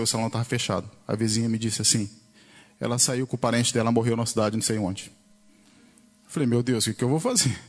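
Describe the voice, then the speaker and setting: Brazilian male testimony giver, mid-pitched, lively retelling of dialogue. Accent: Brazilian Portuguese. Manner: storytelling, acts out the dialogue with shifts of pitch. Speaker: church member giving a testimony. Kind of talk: emotional spoken testimony.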